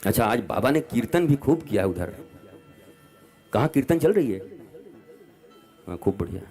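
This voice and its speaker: Man in his fifties, spiritual preacher, impassioned sermon, loud outbursts and soft asides, scolding tone. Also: mid-range voice, very animated, moderate pace, faint music behind. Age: 50s. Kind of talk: Hindi religious discourse.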